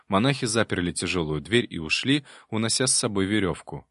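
Low-voiced male audiobook narrator. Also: animated, fairly quick, fairly bright tone, no echo, clean studio sound. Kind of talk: first-person audiobook narration.

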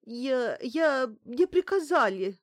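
A woman's voice: high voice, a little slow, pitched above the performer's own voice. A woman doing a frightened, stammering female operator. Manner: stammering, panicky. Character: frightened woman phone operator near tears.

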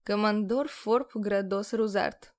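A woman's voice: mid-range voice, fairly even intonation, slow, close to an everyday voice. A woman voicing a blunt, caring female ship medic who speaks firmly. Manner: firm, demanding.

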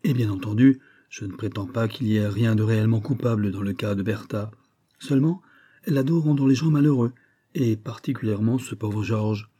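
A man reading an audiobook, voicing a chatty, gossipy wealthy society hostess with a confiding, emphatic manner and a husky voice. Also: lowish voice, fairly quick, warm tone.

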